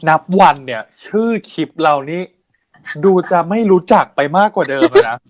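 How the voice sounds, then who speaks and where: A man's voice: sits high, wildly swooping pitch, moderate pace. A man co-hosting a podcast in a casual chat, asking curious, playful questions.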